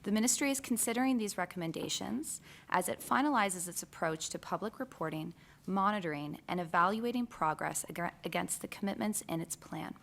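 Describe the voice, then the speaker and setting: A female ministry official reads a prepared statement aloud to a committee. Her voice sits low with a gravelly edge. Her delivery is measured and formal throughout. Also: a bit bright.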